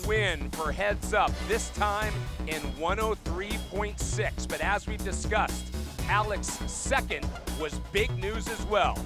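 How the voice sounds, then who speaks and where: A man calling a drone race as play-by-play commentator in an energetic announcing manner. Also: high-pitched, takes it slowly, over loud music. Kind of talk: sports commentary.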